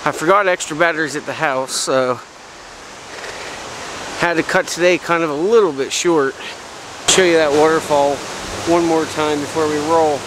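A man's voice: fairly high pitch, normal speed, long pauses, background noise. A young man chatting enthusiastically to the camera as he drives and hikes to a waterfall, talking about his landscape photography. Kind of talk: casual vlog narration. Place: in a car, then outdoors by a woodland waterfall.

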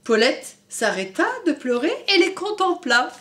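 A woman teacher reads a picture book aloud to young children in a fairly high voice. Her delivery is expressive and lively in pitch. She keeps turning to her listeners to comment on the story. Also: a little slow.

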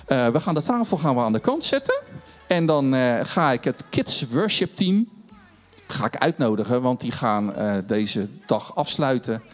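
A man's voice: medium pitch, very animated, normal speed. A middle-aged man presenting a children's church show on a stage, chatty and encouraging as he runs a science demo, speaking into a handheld mic. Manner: chatty and upbeat, encouraging, self-mocking.

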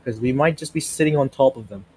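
A man's voice: mid-range voice, fast talker, darkish tone, a little hiss or hum, poor audio. A man leading a squad in gaming voice chat, barking repeated orders and swearing a lot. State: out of breath. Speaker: squad leader giving commands.

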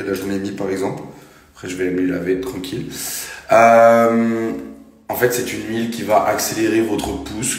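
A man in his thirties talking casually to his phone camera in a home bathroom, relaxed and chatty. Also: on the low side, very echoey. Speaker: family vlogger. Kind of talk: casual vlog talk to camera. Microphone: phone camera held at arm's length.

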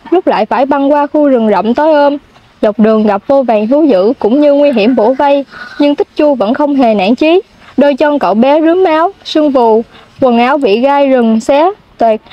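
High-voiced young woman telling a folk tale. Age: 20s. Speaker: storyteller. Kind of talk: reading a folk tale aloud. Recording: dull lo-fi sound.

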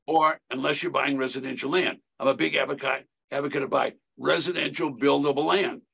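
A man's voice: mid-range voice, steady tone, fairly quick, gravelly, a bit bright, breathy edge. An older man explaining real estate investing on a video call, folksy and emphatic with a lot of repetition. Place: home office.

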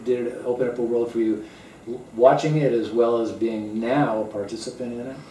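A man's voice: mid-range voice, fairly even intonation, a little fast, mellow, slight background noise. A man co-hosting a show, asking friendly, teasing, meandering questions in a home kitchen. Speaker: show co-host. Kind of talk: casual interview questions. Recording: roomy kitchen, far mic, guitar behind.

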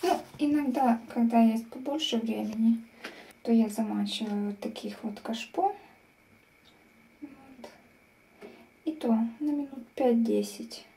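A woman talking in a hushed voice that often drops to a whisper, fondly teasing a pet as in a casual home vlog. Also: a little high, moderate pace, creaky, slight background noise. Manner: speaks softly, often dropping into a whisper at night; affectionate, teasing pet talk with diminutives. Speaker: pet owner and amateur plant vlogger. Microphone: handheld phone.

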